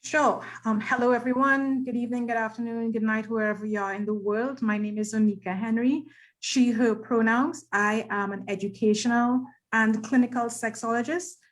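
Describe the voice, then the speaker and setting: A woman's voice: fairly high pitch, fairly even intonation, moderate pace. A woman from Tobago, a sexologist in private practice, introducing herself on a virtual panel. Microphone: video call.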